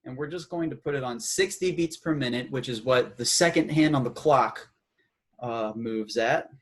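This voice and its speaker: A man's voice: medium pitch, moderate pace, fairly bright tone. A man giving a casual, slightly awkward music lesson who counts beats aloud as he explains. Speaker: music teacher.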